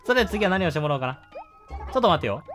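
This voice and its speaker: A man's voice: on the high side, very animated, very fast, a bit bright, soft background music, pitched above the performer's own voice. A man voicing a chatty, bossy but kind raccoon shopkeeper in a sing-song way. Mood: coaxing.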